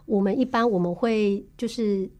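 A woman with a Taiwanese Mandarin accent speaks in a patient, explanatory way, stopping often on small fillers as she lays out medical procedures. Her voice sits at an ordinary middle pitch for a woman. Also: dark tone. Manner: patient, explanatory, measured with frequent filler pauses. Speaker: tuberculosis case manager. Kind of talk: podcast interview.

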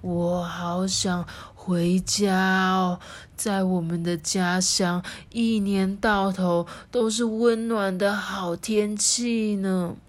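A woman's voice: mid-range voice, fairly even intonation, takes it slowly, lightly acted. A woman voicing a friendly traveling monkey in a read-aloud storybook, talking in a hesitant, stammering way. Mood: shivering.

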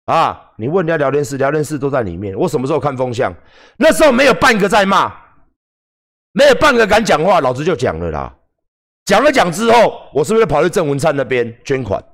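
A middle-aged man with a Taiwanese Mandarin accent hosting a livestream, ranting at critics in a combative, profane way and often shouting. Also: fairly high pitch, sing-song, a little fast. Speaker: livestream host. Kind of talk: heated livestream rant.

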